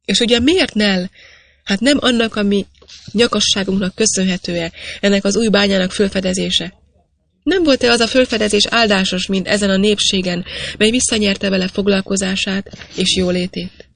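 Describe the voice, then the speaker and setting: A reader voicing an eager, earnest young male miner who presses with questions, in a gravelly, dry voice. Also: medium pitch, fairly even intonation, a bit bright, no echo.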